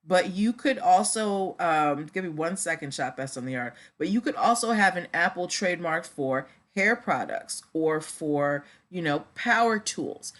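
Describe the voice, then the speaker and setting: Casting: female livestream host, slightly low voice, conversational with viewers, subdued and a touch sluggish as if recovering after surgery. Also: a bit bright. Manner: chatty, addresses viewers directly. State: on painkillers after surgery, a little slowed. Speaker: livestream host discussing trademarks. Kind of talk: casual livestream commentary.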